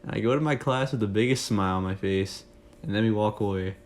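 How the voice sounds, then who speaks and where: A man's voice: lowish voice, fast talker. A young man telling a casual, jokey story to his viewers, rambling with fillers and asides. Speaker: storytime vlogger.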